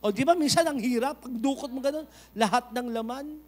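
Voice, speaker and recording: A middle-aged man with a Filipino accent preaching a sermon in church, animated and switching between Tagalog and English, sometimes rising to a shout. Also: very high-pitched, a little fast. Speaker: pastor.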